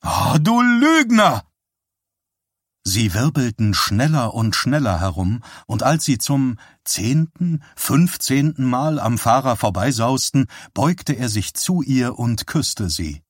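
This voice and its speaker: Dude reading a novel aloud, middle voice, steady, no room sound. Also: male voice, mid-range voice, slow, hardly any pauses, no echo, clean studio sound. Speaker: audiobook narrator. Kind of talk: scripted narration.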